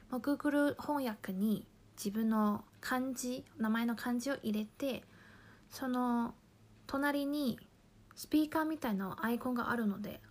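Slow, patient woman teaching a language. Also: a little high. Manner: patient, deliberate, drawing out example phrases slowly. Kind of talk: slow, careful lesson explanation.

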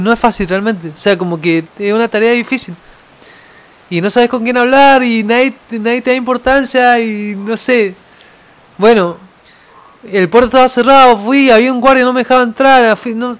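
Animated young Argentine man telling a story. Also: high voice, smooth. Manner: animated, repetitive, quotes others in his own voice. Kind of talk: casual travel storytelling.

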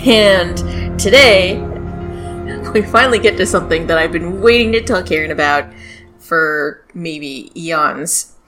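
A woman's voice: lowish voice, a little slow, fairly bright tone, soft background music, poor audio. Blunt American woman telling true crime. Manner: blunt, sweary, informal. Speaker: podcast host. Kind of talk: casual true-crime storytelling.

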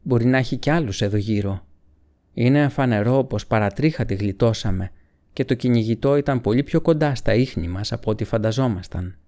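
Frodo, a man voicing a calm, hushed hobbit. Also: medium pitch, lightly acted. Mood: grave. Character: grave, wise young male hobbit.

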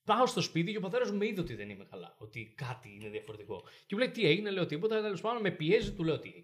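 A man's voice: high voice, sing-song. A young man co-hosting a casual podcast, telling stories animatedly and acting out the people in them. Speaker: podcast co-host. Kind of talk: casual chat.

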